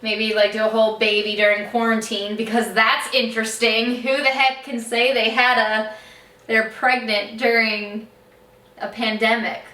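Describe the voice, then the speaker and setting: A woman's voice: a little high, flat delivery, moderate pace, sharp tone. A young woman chatting casually as a family vlogger, recorded in an echoey room at some distance from the mic. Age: young adult. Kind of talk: casual chat to camera and on calls.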